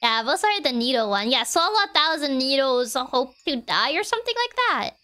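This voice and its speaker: A woman's voice: high voice, very animated, brisk, pushed and bright. A woman game streamer giving casual, playful live commentary in a chatty, giggly way.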